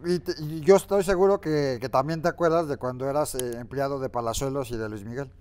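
A man's voice: mid-range voice, quick pace, darkish tone, clear, resonant tone, natural voice. A man playing a crude, boastful masked figure with a Mexican accent who calls himself a god, mocking and swearing in a comedy interview. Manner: swaggering, foul-mouthed, mocking.

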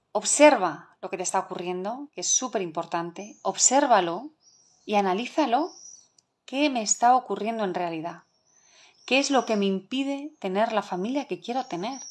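A middle-aged woman with a Spain Spanish accent leads an online parenting masterclass, her voice pitched in the middle of the usual range for a woman. She speaks earnestly and with emphasis, and keeps asking the audience rhetorical questions. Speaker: parenting educator.

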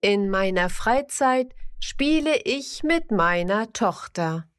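Speaking in an expressive, medium-pitched voice, a woman works through simple example sentences for a language lesson. She goes slowly and repeats every line, pronouncing each word with care in a clearly enunciated, evenly paced way.

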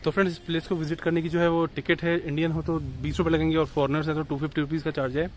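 An Indian man in his thirties, a travel vlogger, chats very fast in Hindi mixed with English words while walking around an old fort and town streets. His fairly high voice barely varies in pitch. He films on a phone at arm's length, and a little hiss or hum can be heard.

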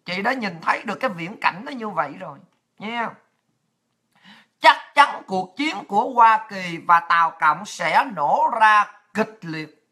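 A woman commentator rants on a livestream. She is blunt and coarse and scolds her listeners head-on. Her voice is bright and tense, and it sits at a middle pitch. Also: expressive, a little slow. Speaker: political commentator.

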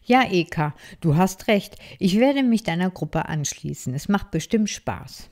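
A woman voicing a small, proud and eager male bookworm in a children's story, speaking slowly. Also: on the low side, animated, darkish tone. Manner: eager, easily startled.

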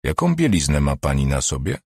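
A man voicing a wry, self-mocking male police detective in an audiobook, close to his own deep, husky voice. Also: wildly swooping pitch, a little fast, no echo, heavily acted. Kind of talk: audiobook character voice.

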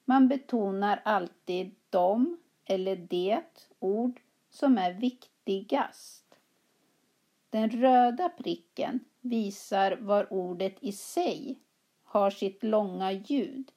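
Mellow-voiced woman teaching Swedish pronunciation. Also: mid-range voice. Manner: carefully articulated, reads both parts of a dialogue. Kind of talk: slow, clear language-lesson dialogue reading.

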